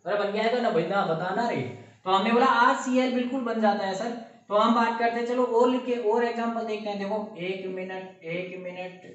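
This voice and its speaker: A man teaching a chemistry lesson, animated and often quizzing his students. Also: sits high, moderate pace. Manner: animated, keeps quizzing the class. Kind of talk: classroom lecture. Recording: roomy, distant, muffled sound.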